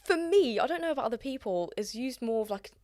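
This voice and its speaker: A woman's voice: on the high side, animated, fast talker, a little mellow, no room sound, studio quality. A young woman with a southern English Hampshire accent, chatting casually as a guest, hesitant and full of fillers. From England. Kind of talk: casual chat.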